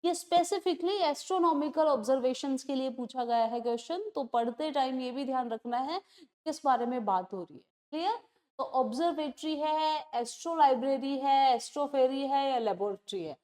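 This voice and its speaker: A young woman with a high voice runs an exam-prep English lesson. She explains in Hindi sprinkled with English and reads each definition slowly and deliberately. She keeps checking whether her class has understood. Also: darkish tone. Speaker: English teacher.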